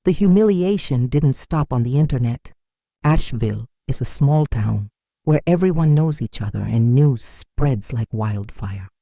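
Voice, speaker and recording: Older woman narrator, mellow and dry, lively pitch, sombre scripted storytelling. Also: creaky, no room sound. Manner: sombre, measured, wounded. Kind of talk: scripted first-person narration.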